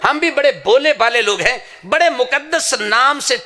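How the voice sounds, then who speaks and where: A man's voice: very high voice, bright, forceful tone. A man from Pakistan preaching an impassioned sermon at a madrasa gathering, telling anecdotes and swearing to his sincerity.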